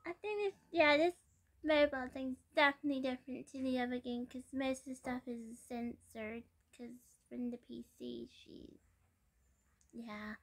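A woman giving excitable gameplay commentary, exclaiming and giggling as she plays. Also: sits high, normal speed. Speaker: gamer.

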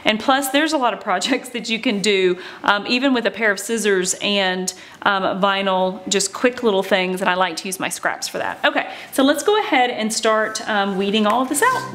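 A woman's voice: mid-range voice, lively intonation, normal speed, hardly any pauses, fairly bright tone. A woman hosting a craft tutorial, talking casually and chattily as she walks through each step, with frequent ums and "okay, so". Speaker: craft channel host.

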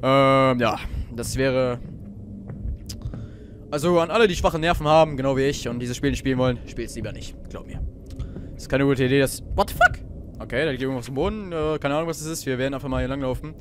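A teenage gamer records horror let's-play commentary in a mid-range voice, speaking a little fast. He addresses his viewers with jittery jokes and abrupt shouts. There's faint game ambience plus a touch of hiss or hum.

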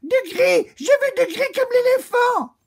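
A man voicing an impatient, excitable female chameleon who squeals her demands in a high voice. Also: unhurried, heavily acted. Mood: excited.

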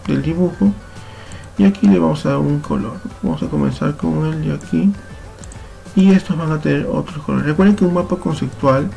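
Man, Peruvian Spanish accent, computer teacher, gravelly and mellow voice, step-by-step tutorial, faint music behind. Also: a little high. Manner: patient, step-by-step, self-correcting. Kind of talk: screen-recorded software tutorial.

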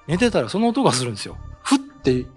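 A middle-aged man, a host and ghost-story writer, casually explains folklore through animated storytelling, acting out sounds. His voice is a little high, husky and quick, picked up by a desk mic on a stand in a small indoor studio with a bookshelf backdrop, with soft music in the background.

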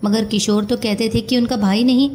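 A woman reading a storybook who voices a naive, lovesick young woman with an excitable, pleading manner. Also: a little high, moderate pace, faint music behind, close to an everyday voice. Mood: emotional.

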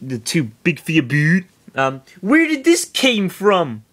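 A man's voice: on the high side, huge pitch swings, takes it slowly, fairly bright tone, pitched above the performer's own voice, full character voice. Man doing a blunt, puzzled young woman.

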